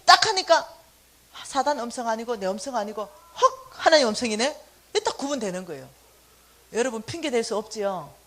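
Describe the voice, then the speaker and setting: Woman, church testimony talk, high voice, very lively swooping intonation, animated storyteller. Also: a little fast. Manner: animated storytelling, acting out prayers and dialogue. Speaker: church lecturer on finances. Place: church hall.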